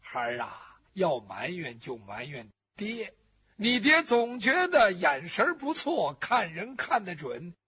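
A man's voice: high voice, pushed and bright, exaggerated voice. A man doing a remorseful dying old father. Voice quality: very husky. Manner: slow, regretful pleading. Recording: dull lo-fi recording.

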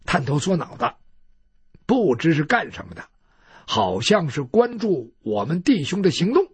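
Man voicing a wary martial hero, hushed, suspicious, husky. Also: on the high side, very animated, normal speed, dry recording, pitched below the performer's own voice, heavily acted.

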